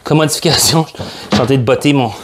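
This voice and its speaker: Joking Québécois fitness coach. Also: male voice, mid-range voice, fast, background noise. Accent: Québécois French. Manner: upbeat, joking, counts reps aloud. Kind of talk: guided workout instruction.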